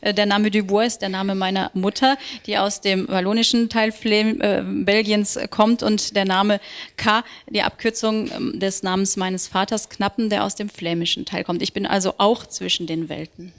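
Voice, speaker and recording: A woman's voice: mid-range voice, little pitch movement, normal speed. A woman working as an interpreter, translating with frequent fillers. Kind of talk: consecutive interpreting.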